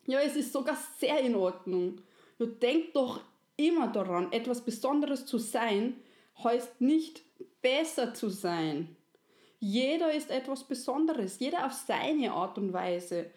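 A woman's voice: on the high side, expressive, measured pace, darkish tone, pitched above the performer's own voice. Woman doing a kindly creator woman. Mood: gentle. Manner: soothing, folksy, fond of dialect fillers. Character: kindly wise creator woman, patient and homely. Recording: roomy echo.

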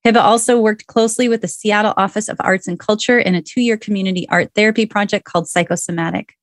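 A woman's voice: medium pitch, no room sound, studio quality. A woman hosting a health podcast, effusive and enthusiastic as she introduces and questions her guest. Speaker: podcast host, nurse practitioner.

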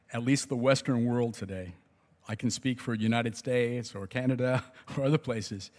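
Man preaching in a reverberant hall. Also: medium pitch. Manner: conversational, with chuckles and restarts. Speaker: pastor. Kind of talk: sermon. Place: church sanctuary.

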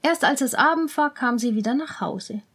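A woman reading a fairy tale aloud as a storyteller, calm and measured. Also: high-pitched, breathy edge.

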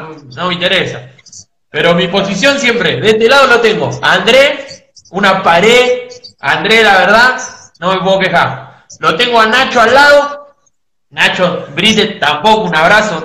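A man's voice: high-pitched, bright, forceful tone, reverberant. A man with a Uruguayan accent, a footballer telling jokey, boastful stories as a guest in a casual live-stream interview. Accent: Uruguayan Spanish.

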